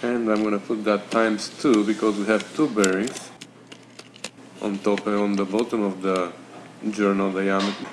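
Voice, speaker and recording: A man talking slowly through engine measurements in a workshop tutorial, pausing and filling gaps as he works out numbers. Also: on the low side, flat delivery, noisy background. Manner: methodical, talking through numbers with pauses and fillers. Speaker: home mechanic explaining engine measurements. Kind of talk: step-by-step tutorial narration.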